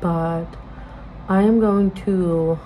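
Speaking in a lowish, warm, steady voice, a woman draws out her words while chatting casually to her phone camera. The get-ready-with-me vlog is rambling and informal, with her interrupting herself. It's recorded on a phone at arm's length in a noisy, small bedroom-like room.

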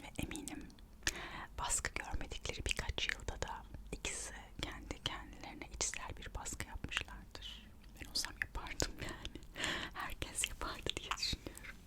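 A storyteller whispers an ASMR narration, reading aloud and adding gossipy, musing asides. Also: normal speed. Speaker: ASMR host narrating royal history.

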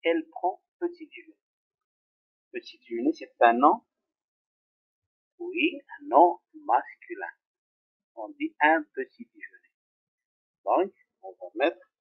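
A man teaching French grammar to pupils, repeating each example slowly. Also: husky. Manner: slow, repeating examples, very lively pitch. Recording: tinny phone-like sound.

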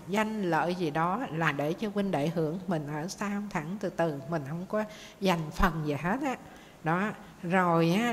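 A Buddhist nun teacher, giving a gentle dharma talk and telling stories to her students. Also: on the low side. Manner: gentle, addresses students as children. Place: meditation monastery hall. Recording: faint noise, long hall reverb.

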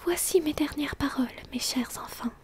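A woman's voice: sits high, normal speed, lightly acted. A woman voicing a brave, proud young girl in a whispered role-play, speaking firmly and with scorn. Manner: firm, scornful.

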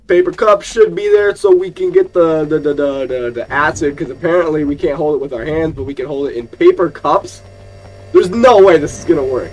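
A young man giving jokey, excitable let's play commentary and talking to the game characters. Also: on the high side, fairly quick, low-quality recording. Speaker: gaming YouTuber.

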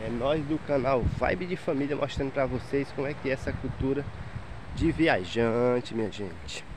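A travel vlogger in his thirties, medium-pitched with lively intonation, chats cheerfully at a moderate pace as he walks viewers around a beachside campground. It's a casual phone-filmed walkthrough outdoors, and strong wind creates loud noise on the handheld mic.

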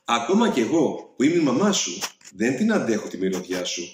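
A man's voice: mid-range voice, wildly swooping pitch, slight background noise, voice pushed down. A man voicing a bossy, nagging mother in a storybook reading, scolding shrilly. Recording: very echoey room.

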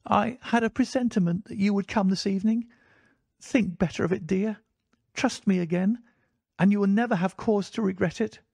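A man's voice: high voice, moderate pace, vocal fry, darkish tone, husky, no room sound, pitched above the performer's own voice, exaggerated voice. A man voicing a young wife who pleads urgently and then speaks with proud resolve. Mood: pleading.

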